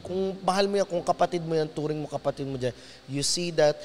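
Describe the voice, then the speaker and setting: A man's voice: on the high side, brisk, darkish tone, faint music behind. A man, a pastor, chatting in a casual discussion and often mixing English phrases into his sentences. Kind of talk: casual chat.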